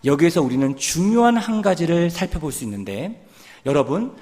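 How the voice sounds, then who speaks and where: A male pastor delivers an emphatic sermon, his fairly high voice swinging widely in pitch. It rings out with a long church reverb, and his delivery climbs into fervent, pleading appeals. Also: big pitch swings, brisk, a little mellow. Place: church sanctuary.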